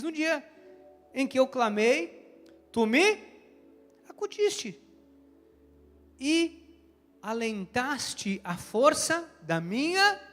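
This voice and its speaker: A man with a Brazilian Portuguese accent, a bishop preaching a passionate sermon with emphatic swings between loud and soft delivery, in a church sanctuary. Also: very high voice. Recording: reverberant church hall with soft music.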